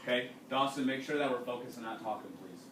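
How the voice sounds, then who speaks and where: A mid-range male voice reads a storybook to a class, with the teacher pausing for explanatory asides and questions to make sure pupils understand. The sound is roomy and far from the mic, with faint noise in the classroom background.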